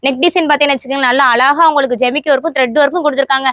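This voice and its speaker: A woman from Tamil Nadu, with a local accent, showing tops for sale in rapid sales patter full of stock phrases. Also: sits high, fairly even intonation, a bit bright, no echo. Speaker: online clothing seller. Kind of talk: product showcase sales talk.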